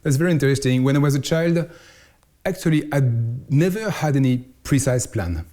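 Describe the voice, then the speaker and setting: A man in his forties with a French accent, a priest answering interview questions in careful English, often pausing to find his words. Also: medium pitch, expressive, mellow. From France. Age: 40s. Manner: halting, searching for English words. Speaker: priest, house superior.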